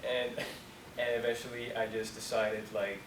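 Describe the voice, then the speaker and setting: Speaking at a measured pace in a mid-range voice, this man in his twenties from Colombia founded a company and is talking loosely to students. He rambles, stays relaxed, and leans heavily on "like." It was captured in a university room on a distant mic, with lots of echo and noise.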